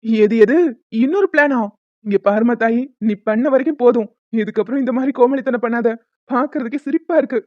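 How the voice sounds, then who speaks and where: A woman doing a fast, teasing cartoon young man. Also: a little high, no echo, muffled recording, natural voice. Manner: teasing, amused banter. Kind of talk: animated cartoon voice acting.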